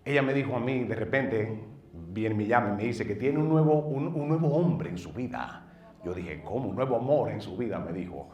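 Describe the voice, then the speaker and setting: A middle-aged man with a Dominican accent, a pastor telling his personal testimony in an earnest way, going from loud bursts to low murmurs. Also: lively intonation, moderate pace, highs cut off. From northeastern United States. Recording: roomy sound from a distant mic.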